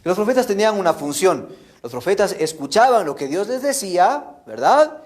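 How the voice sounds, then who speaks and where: A man telling a Bible story to children in an animated way, often checking in with them. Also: high voice, normal speed. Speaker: catechist.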